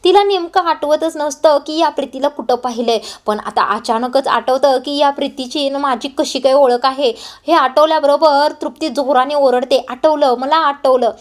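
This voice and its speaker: A woman retelling a TV serial episode, quoting each character's lines in her own voice with frequent short "uh" pauses. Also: sits high. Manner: quotes every character's dialogue in her own voice; brisk storyteller with frequent "uh" pauses. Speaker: serial recap narrator.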